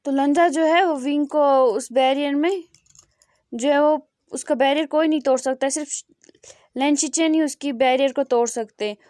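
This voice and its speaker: A young woman with a high but mellow voice, retelling a fan story in a loose, rambling way and often restarting her sentences. The sound is dry and close, with no room around it. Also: normal speed, no room sound. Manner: loose spoken retelling with frequent fillers and restarts.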